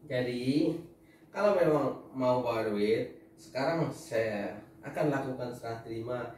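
A man's voice: medium pitch, a little slow, a little mellow, a little hiss or hum. A man talking as a father giving his family advice in casual chat, lecturing and laughing often. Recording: echoey room, mic far off.

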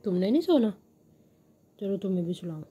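A young mother vlogging at home, coaxing her babies in soft baby talk and calmly explaining their routine. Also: medium pitch, a little fast, a little hiss or hum. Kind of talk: casual home vlog. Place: at home, indoors and in a sunny yard.

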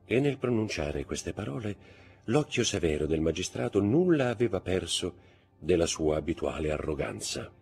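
Low husky man reading a novel. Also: sing-song, normal speed, darkish tone. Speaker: audiobook narrator. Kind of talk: scripted narration of a classic novel. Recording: faint background music.

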